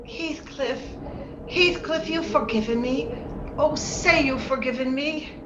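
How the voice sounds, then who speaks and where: Here the same radio-melodrama heroine, Kathy of the moors, turns rapturous and tender, speaking slowly in a woman's high, headstrong, theatrical voice. The old-time drama performance comes through a video-call session from an indoor room, with a roomy, somewhat dull tone and light background noise.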